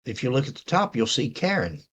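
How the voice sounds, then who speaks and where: A man speaks with an Appalachian accent at a medium pitch. His delivery is folksy and rambling as he hosts a casual talk, sometimes reading messages out to his viewers. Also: very animated, a little fast, fairly bright tone, husky. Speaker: host.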